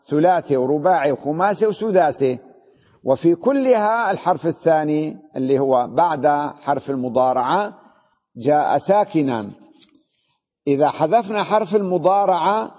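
A man with a fairly high, husky voice teaches a grammar class. He explains step by step and keeps asking his students questions. The recording is dull and lo-fi, with a long hall reverb. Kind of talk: classroom lesson.

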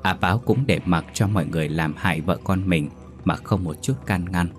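A man narrates a ghost story in a steady, dramatic reading. His voice sits very low, and faint music plays under him. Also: fairly quick. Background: faint background music.

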